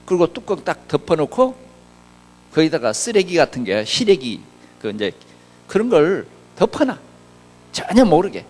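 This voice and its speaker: A man's voice: fairly high pitch, sing-song, normal speed, pauses often, darkish tone, in a large hall. A male pastor delivering a conversational sermon full of rhetorical questions to his congregation. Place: church sanctuary.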